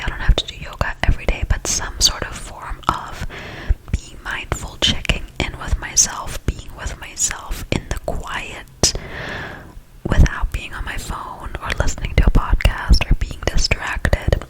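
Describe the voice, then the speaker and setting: An ASMR creator rambling casually in a soft, breathy whisper, very close to a sensitive ear-to-ear microphone. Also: poor audio. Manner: slow, soft, hesitant rambling delivery. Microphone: close, highly sensitive ear-to-ear stereo microphone.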